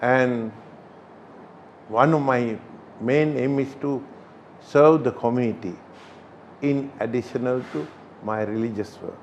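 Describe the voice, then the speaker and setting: An older man from Sri Lanka, a Buddhist chief priest, answering interview questions in a halting way with many pauses. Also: mid-range voice, slight background noise. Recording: slightly dull recording.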